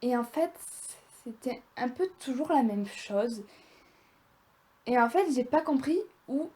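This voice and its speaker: A young woman chats straight to her viewers in a casual review vlog. Her voice sits a little high and sounds soft and mellow. She rambles along in a lively, easygoing way. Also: takes it slowly. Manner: chatty, rambling, animated. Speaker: video creator.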